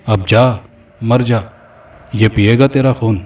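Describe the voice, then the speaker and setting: A man's voice: medium pitch, fairly even intonation, darkish tone, natural voice. A man voicing a stern old male mendicant mystic who speaks harshly and scornfully. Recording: distant mic, faint background music.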